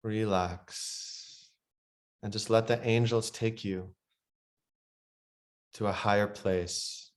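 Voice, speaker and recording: A man guides a breathwork meditation with slow, soothing instructions, growing softer and quieter during the relaxation parts. His voice is fairly low and his intonation fairly even.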